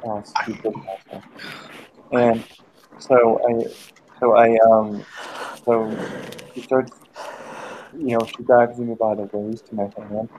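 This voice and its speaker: A man spins a meandering anecdote over an online voice chat, full of restarts and swearing and quick to snap at anyone who cuts in. His voice sits at an ordinary male pitch. The headset audio is dull and lo-fi, with a faint hiss underneath. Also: flat delivery, darkish tone. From United States. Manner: rambling, profane, often stops to snap at interruptions. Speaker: group voice-chat host telling a story. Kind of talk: casual chat storytelling.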